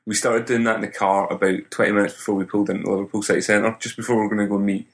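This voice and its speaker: A man's voice: fairly low pitch, little pitch movement, rapid-fire, creaky. A Glaswegian Scottish man in his thirties co-hosting a podcast, telling stories in an easygoing, dry way. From Scotland. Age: 30s. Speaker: podcast co-host. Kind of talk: casual chat.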